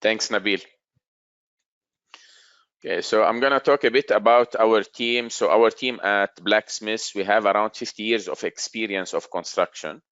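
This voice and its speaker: A man in his forties presenting a business webinar in a steady, explanatory way. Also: fairly low pitch, normal speed, clear, resonant tone, dry recording, muffled recording.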